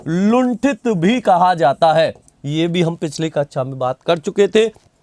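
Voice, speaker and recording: A man's voice: on the high side, animated, measured pace, darkish tone, no room sound. A man teaching an online grammar class, asking questions and answering them himself, repeating key terms and reading out viewer comments. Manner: reads out viewer comments and replies.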